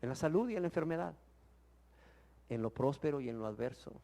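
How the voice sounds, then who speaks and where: A man teaching the Bible in sermon style, emphatic and full of rhetorical questions, swinging from loud exclamations to hushed words. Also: medium pitch, animated, fairly quick, vocal fry.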